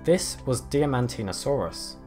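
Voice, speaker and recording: A man narrating a scripted nature documentary in a measured, explanatory way. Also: medium pitch, expressive, darkish tone. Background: background music.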